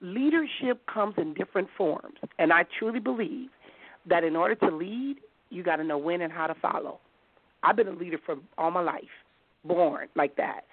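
A man's voice: high voice, normal speed, no echo. A man hosting a live call-in talk show, firmly putting questions to callers while losing his voice. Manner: firm, steering the callers with questions. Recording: phone-line quality audio.

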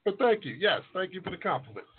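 A man's voice: sits high, big pitch swings, quick pace, slightly rough. A chef in his forties chatting casually, rambling and self-deprecating with a joking manner. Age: 40s. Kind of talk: casual podcast chat. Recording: tinny phone-like line.

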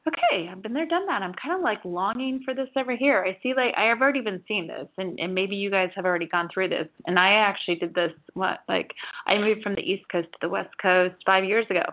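A woman's voice: medium pitch, fast. Chatty woman in her forties, tinny sound. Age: 40s. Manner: chatty, rambling, frequent "you know". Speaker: psychic reader. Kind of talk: spiritual forecast monologue. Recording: tinny phone-like audio.

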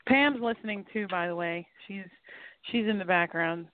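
A woman's voice: mid-range voice, normal speed, no echo. A woman chatting casually as a talk show panelist, hesitant and repeating herself. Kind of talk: casual chat. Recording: dry, tinny phone-line audio.

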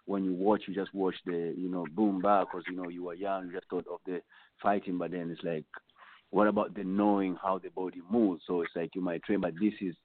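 A man's voice: sits low, little pitch movement, brisk, no echo. A man, a musician guest answering interview questions in a meandering, reflective way. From Tanzania. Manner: meandering, reflective, many filler phrases. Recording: tinny phone line, dry.

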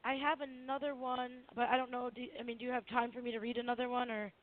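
A woman calling in to a radio show, heard through a thin, tinny phone line. Her voice sits a little high, and she laughs easily and trips over her words between lines of her poem. It sounds like an on-air reading done straight from a phone. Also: level tone, fast talker. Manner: giggly, hesitant between readings. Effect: tinny phone-line sound of a call-in caller.

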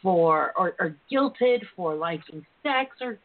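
A woman's voice: expressive, slow. A woman hosting a casual, irreverent talk show, with a sassy, theatrical, freely cursing manner. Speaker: host of a relationship talk show. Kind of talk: casual, irreverent radio chat. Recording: muffled low-bandwidth internet radio line.

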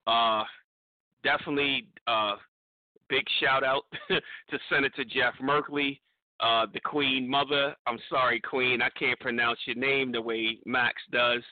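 A man hosting a radio show, thanking sponsors and callers in a relaxed way with many fillers. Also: mid-range voice, dry recording, phone-quality sound. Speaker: radio host.

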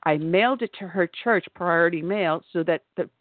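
A man's voice: high-pitched, fairly quick, dry recording. A man co-hosting a radio talk show, chatty and laughing while telling stories. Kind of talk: casual radio chat. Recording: tinny phone-like line, dry.

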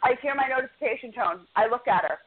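A woman's voice: fairly high pitch, fast. Chatty woman on tinny phone-like audio. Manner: chatty storyteller, rattles off match results. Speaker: podcast co-host. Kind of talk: casual podcast chat.

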